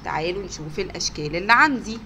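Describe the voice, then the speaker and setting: Woman, Egyptian Arabic accent, kindergarten teacher, slow sounding-out of words, faint background hiss. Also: on the low side, animated, pushed and bright. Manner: sounds out words slowly, praises often. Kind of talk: recorded online lesson for young children.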